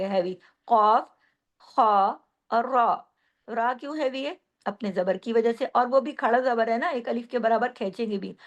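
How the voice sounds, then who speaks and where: A woman teacher giving a recitation lesson. She explains each rule patiently, then models the words slowly and carefully. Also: a little high. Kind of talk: slow step-by-step recitation lesson.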